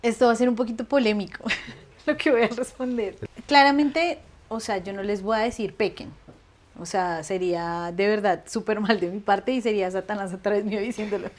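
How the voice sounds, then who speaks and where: A woman, chatting as an interview guest in an animated way, laughing often. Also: mid-range voice, a little fast. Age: 30s. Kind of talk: casual conversational interview.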